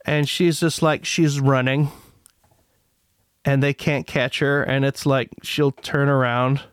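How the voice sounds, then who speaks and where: A man's voice: medium pitch, little pitch movement, takes it slowly, smooth, no echo, studio quality. A man hosting a podcast, talking in a rambling, profane, opinionated way. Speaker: podcast host. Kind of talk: casual monologue.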